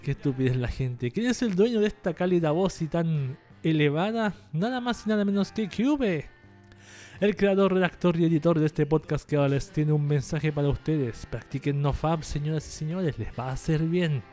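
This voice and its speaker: A man's voice: a little high, moderate pace, darkish tone, faint music behind. A man hosting a casual podcast monologue, joking and rambling, using a lighter voice than before. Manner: jokey, rambling, self-mocking. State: trying a lighter, less forced voice. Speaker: podcast host.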